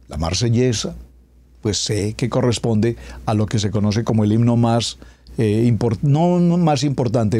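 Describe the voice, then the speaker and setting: A middle-aged man preaching a radio sermon as a pastor, emphatic, stretching key words and dropping to a hush at climaxes. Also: medium pitch, no echo. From Colombia.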